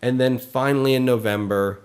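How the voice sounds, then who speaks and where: Male podcast co-host, mid-pitched, easygoing and chatty, upbeat on the sign-off. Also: steady tone, moderate pace, smooth. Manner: chatty, plugs the show with upbeat wrap-up energy. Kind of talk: casual podcast chat.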